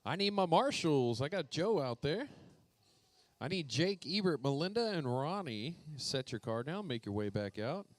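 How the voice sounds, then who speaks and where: A man's voice: a little high, very animated, moderate pace, no room sound. A man doing playful live commentary at an indoor RC racetrack, calling out drivers by name. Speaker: RC race announcer.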